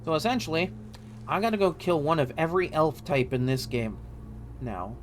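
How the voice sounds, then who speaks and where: A man's voice: fairly high pitch, sing-song, moderate pace, a little hiss or hum. A man hosting a gaming video with casual, slangy let's-play commentary and a wry, joking manner.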